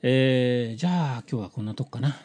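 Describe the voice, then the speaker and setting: A man's voice: mid-range voice, a little fast, breathy edge. A man with a Hiroshima Japanese accent chatting casually on a live stream, telling stories animatedly and acting out conversations as he answers viewer messages. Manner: animated storytelling, acts out quoted conversations.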